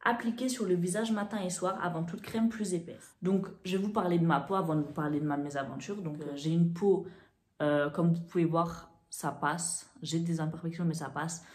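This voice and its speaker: A young woman tells a story to the camera at home in the chatty, animated way of a beauty vlogger, with plenty of fillers. Her voice sits low for a woman and sounds mellow. The room around her gives it a clear echo. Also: moderate pace.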